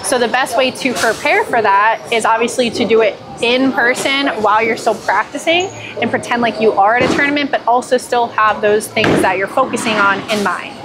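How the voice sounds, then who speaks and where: Speaking fairly quickly with few pauses in a higher-pitched voice, a young woman who bowls professionally walks the camera through her practice casually, one step at a time. She's recorded on a lapel mic in a large indoor alley, where loud bowling noise and clicking fill the background.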